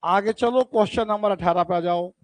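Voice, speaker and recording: A man whose voice sits high runs a lively online exam-prep class with no echo on the recording. He addresses his students directly and stretches words for emphasis.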